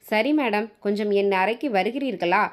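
A woman voicing a kind woman office director in a storybook reading, asking gentle, concerned questions. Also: medium pitch, normal speed, natural voice. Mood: polite.

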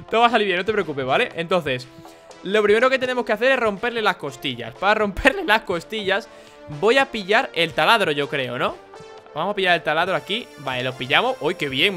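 A young man with a Spain Spanish accent, giving excitable, chatty gameplay commentary and laughing often. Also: sits high. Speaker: gaming YouTuber.

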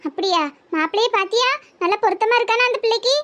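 A voice artist playing a gentle, caring village aunt with a Tirunelveli Tamil accent in a cartoon comedy. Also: very high-pitched, fast talker.

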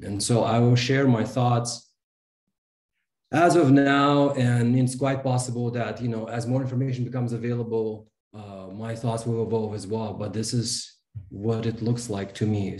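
A man in his thirties from Kazakhstan, speaking like a professor: fluent, measured and prepared. His voice is mellow and dark. The video call picks up a roomy echo. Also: lowish voice. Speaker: panelist, sociology professor. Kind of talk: prepared panel talk.

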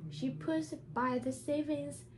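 In careful, halting non-native English, a high-voiced woman reads a children's storybook in a teacher's style. Her tone stays steady. Crowd noise can be heard, and the audio quality is poor.

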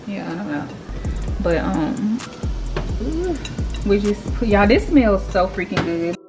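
A woman's voice: mid-range voice, animated, takes it slowly. A young woman, chatting casually to viewers while she cooks in her home kitchen. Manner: chatty, loose and informal, talks straight to viewers. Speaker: vlogger. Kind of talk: casual cooking vlog. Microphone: camera mic, filmed by a helper. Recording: background music under the voice.

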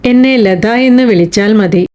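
A woman reading an audiobook voices a quiet, self-reliant blind woman weaver who answers in short, plain replies. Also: medium pitch, a little slow, close to an everyday voice.

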